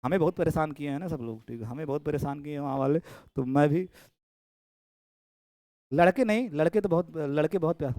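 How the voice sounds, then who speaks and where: एक पुरुष गणित शिक्षक कक्षा में पढ़ा रहे हैं, बातें दोहराते हुए और छात्रों की कॉपियाँ जाँचते हुए।. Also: male voice, on the high side, a little fast, mellow, no room sound. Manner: chatty, repeats phrases, checks students' work aloud. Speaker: maths teacher. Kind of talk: classroom lecture. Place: classroom. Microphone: camera in room.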